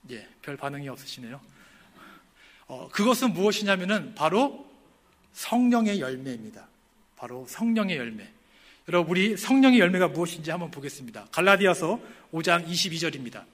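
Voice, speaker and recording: A male pastor preaches in a high, bright, ringing voice, very animated throughout. He builds rhetorical questions to emphatic peaks, then sinks low at the close. When he lists the virtues one by one, he slows to a deliberate pace.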